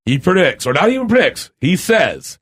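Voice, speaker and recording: A man's voice: on the high side, big pitch swings, moderate pace, a bit bright, slightly rough. A man co-hosting a podcast in casual, joking chat with friends. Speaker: podcast co-host.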